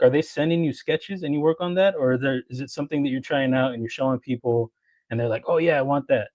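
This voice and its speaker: A man's voice: medium pitch, darkish tone, no room sound. Laid-back man greeting stream viewers. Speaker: livestream host. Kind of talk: casual livestream chat, reading comments.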